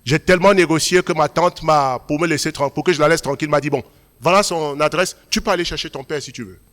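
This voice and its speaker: A pastor preaching a sermon at a church service, moving between emphatic exhortation and quiet personal storytelling. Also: male voice, fairly high pitch, quick pace. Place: large church hall at a Sunday service. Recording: long hall reverb.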